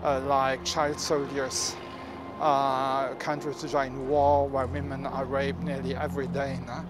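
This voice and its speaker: A man's voice: mid-range voice, level tone, unhurried. A man answering an interview question hesitantly, ending sentences with questioning tags and fillers. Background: music bed.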